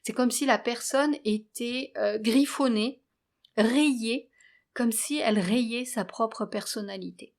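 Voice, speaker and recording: A woman hosting a spiritual guidance channel, talking in a measured, earnest way with hesitant restarts. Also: on the high side. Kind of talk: spoken spiritual guidance monologue.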